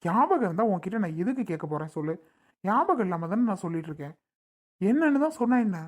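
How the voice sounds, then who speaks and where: A woman's voice: mid-range voice, sing-song, fast talker. A woman playing a patient relative who coaxes and apologizes, a bit exasperated, in a family skit. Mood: coaxing. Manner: coaxing, exasperated.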